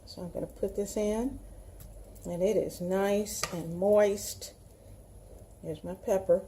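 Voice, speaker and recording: Slight background noise accompanies a woman's steady, mellow, medium-pitched voice at a slow pace. She hosts a casual home cooking show, speaking with a Southern US accent and chatting folksily to viewers, and she hails from the Southern United States.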